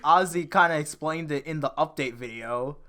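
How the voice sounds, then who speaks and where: A man's voice: on the high side, normal speed, a loud crowd. A young man hosting a casual group post-show chat, laughing often and restarting his sentences as he reads questions. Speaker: host and editor.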